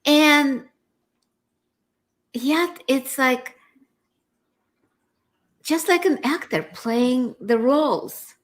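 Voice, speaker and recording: A woman with a slightly high voice talks slowly on a video call. She muses in a reflective, spiritual way, taking her time between thoughts. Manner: slow, reflective, spiritual musing. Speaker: co-host. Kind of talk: casual conversation.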